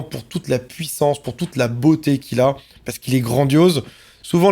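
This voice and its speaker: A man's voice: on the high side, darkish tone. A man, a relationship coach, talking to camera in an earnest, reassuring way and listing points in repeated phrases.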